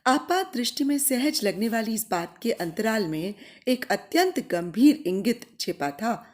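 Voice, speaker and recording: A woman narrating a literary short story in a measured, expressive reading voice. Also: on the high side.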